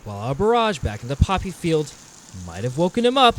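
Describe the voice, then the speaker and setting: Over background music, this gameplay narrator turns a video game hunt into a theatrical, roleplayed tale with wry, playful asides, much like a scripted storyteller. He talks fairly quickly in a fairly high, slightly bright voice with big pitch swings.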